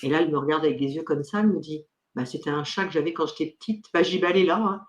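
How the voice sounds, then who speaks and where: A woman's voice: deep voice, rapid-fire. A woman host and medium chatting casually in an interview, telling her own anecdotes. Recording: echoey room.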